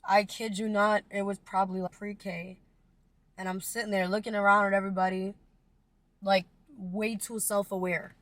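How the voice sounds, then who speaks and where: 20s woman guest on a podcast, talking in a car, lively storytelling, cusses casually, dry close sound. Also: mid-range voice, moderate pace, no echo. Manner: animated storyteller, casual swearing. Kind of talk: casual conversation.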